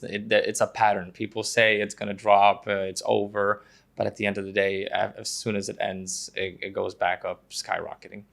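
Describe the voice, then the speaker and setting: A man's voice: fairly low pitch, gravelly, fairly bright tone. A man from Croatia, a guest on a podcast, talking casually and hesitantly with many fillers and restarts. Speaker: guest, prospective investor.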